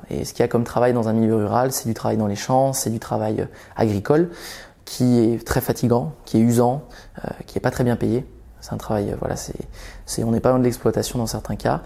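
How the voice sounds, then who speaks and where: A man's voice: medium pitch, vocal fry, warm tone. A man in his twenties telling his own life story in a podcast, hesitant, with many fillers and restarts. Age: 20s. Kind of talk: personal testimony podcast.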